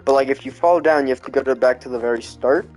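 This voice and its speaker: A drowsy man talks through a game-world tour in loose, rambling commentary, his sentences stuffed with "like" and "um". His voice sits at an ordinary middle pitch, and soft music plays faintly behind him. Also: fast talker, rough recording. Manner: rambling, heavy on fillers like "like" and "um". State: sleepy, yawning. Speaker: video game creator touring his build. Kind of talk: casual gameplay commentary.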